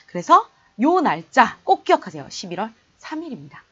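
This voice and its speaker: A woman teaching history in an online lecture, telling events like a story in casual, colloquial speech. Her pitch swings widely and animatedly, and the recording is a little dull and lo-fi. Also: sing-song, fairly quick, husky.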